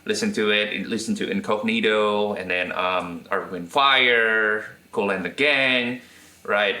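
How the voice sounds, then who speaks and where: A man from Indonesia with an Indonesian accent, chatting as an interview guest, with halting restarts and tag questions. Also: on the low side, sharp tone, roomy sound. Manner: halting, frequent "right?" tags and restarts. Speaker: guest guitarist and electronics restorer. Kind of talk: casual interview chat.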